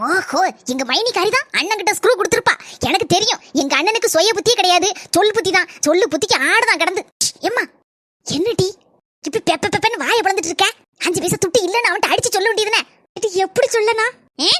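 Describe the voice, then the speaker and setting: A woman with a Kanyakumari Tamil accent voicing a scheming, suspicious young wife in a cartoon, in a shrill, scolding manner. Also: a bit bright, dry recording, clean studio sound. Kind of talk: cartoon voice acting.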